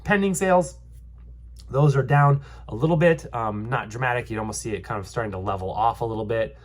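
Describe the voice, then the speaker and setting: This young realtor, nose blocked up from a cold, delivers a fairly quick, casual market update in vlog style. His medium-pitched voice sounds upbeat and reassuring while he wanders through the numbers, stumbling over plenty of ums and restarts.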